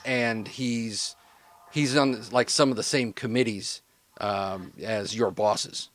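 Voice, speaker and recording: A man's voice: lowish voice, steady tone, slow pace, a bit bright. A man narrating a tabletop role-playing game as game master, in a loose, casual way with plenty of fillers and swearing.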